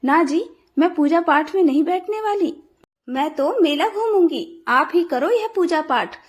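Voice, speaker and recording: A woman's voice: very high-pitched, expressive, a little slow. A woman voicing a proud, scornful young daughter-in-law who mocks her elders in a storybook tale. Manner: mocking, dismissive.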